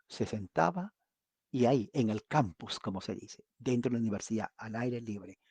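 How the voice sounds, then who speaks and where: Raspy gravelly male preacher. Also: medium pitch, warm tone, no room sound. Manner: conversational, asks the listeners questions. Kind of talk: Bible study sermon. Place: United States.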